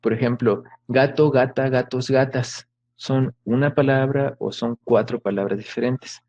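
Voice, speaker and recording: A man's voice: medium pitch, fairly even intonation, measured pace, darkish tone, muffled recording. A man giving an academic lecture over a video call, explaining patiently with many fillers and rhetorical questions. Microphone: video call microphone.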